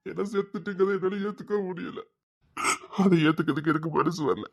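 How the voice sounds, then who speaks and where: Young guy with a tirunelveli accent, high voice, pouring his heart out to a friend about his lost mom, earnest village drama. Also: a little fast, gravelly, darkish tone, dull audio. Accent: Tirunelveli Tamil. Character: young man grieving his lost mother, devoted to his friend. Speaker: actor in a village web drama. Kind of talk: dramatic dialogue.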